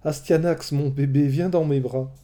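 A man reading a storybook, voicing a brave Trojan warrior prince who speaks gravely and tenderly to his family. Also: medium pitch, fairly even intonation, a little slow, dark tone, close to an everyday voice.

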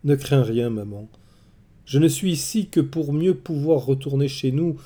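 Tearful grieving hero, pleading, dark mellow tone, a little raised, read by a man in a storybook. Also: fairly high pitch, moderate pace, voice pushed up, lightly acted. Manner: pleading, voice full of tears. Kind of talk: storybook reading.

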